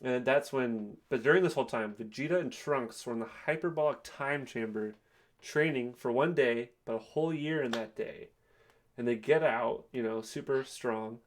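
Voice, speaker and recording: A young man co-hosting a casual chat, explaining in a plain, relaxed way with a lot of "like". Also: mid-range voice, normal speed. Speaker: co-host.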